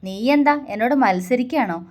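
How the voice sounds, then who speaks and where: A woman's voice: medium pitch, a little fast, natural voice. A woman voicing a proud, hot-tempered young husband. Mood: angry. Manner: sharp, raised and scolding. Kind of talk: storybook reading.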